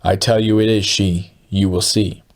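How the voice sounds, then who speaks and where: A man's voice: low voice, moderate pace, natural voice. A man voicing a gloating, scheming old crook. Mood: conspiratorial. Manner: excited, conspiratorial, sinister. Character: scheming, gloating poor middle-aged man plotting a crime.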